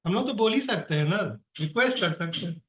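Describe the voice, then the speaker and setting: A project coordinator leads an online staff meeting, earnestly and with exasperation urging and pleading with his colleagues. His voice sits high and sounds animated, a little fast and a bit bright. Heard through a computer or phone on a video call, he is distant from the mic in an echoey room, with a little hiss or hum.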